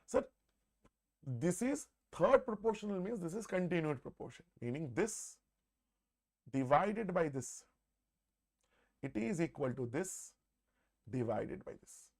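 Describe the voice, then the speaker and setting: A man's voice: on the high side, big pitch swings, a little slow, pauses often. A man with an Indian accent teaching a live maths exam-prep lesson, conversational and repetitive, often saying "sir" and slipping Hindi words into his English. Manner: repeats phrases, often addresses listeners as "sir". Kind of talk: live exam-prep lesson, working through problems aloud.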